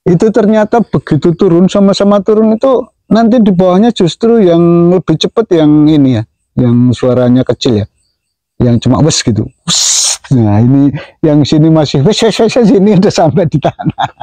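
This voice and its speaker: A man's voice: on the high side, expressive, moderate pace, warm tone, no room sound, low-quality recording. A man casually explaining pigeon racing, mimicking the whoosh of wings and chuckling now and then. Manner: imitates whooshing wing sounds, chuckles often. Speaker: pigeon keeper explaining to viewers.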